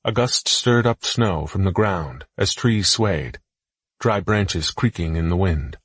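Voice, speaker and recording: A man narrating a fantasy audiobook in a steady, measured reading voice. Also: low voice, slightly rough. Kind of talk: scripted narration.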